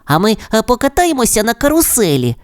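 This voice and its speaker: A narrator voicing an excitable little male corgi puppy in a storybook, asking eager, high questions. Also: a little fast, no echo, studio quality. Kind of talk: storybook character voice.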